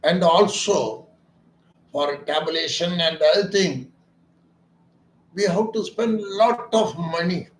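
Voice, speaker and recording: An ENT doctor who treats voice disorders explains his clinic's treatment slowly and deliberately, in a fairly high voice for a man. He is earnest and emphatic, stressing points and turning them into questions, in an echoey room.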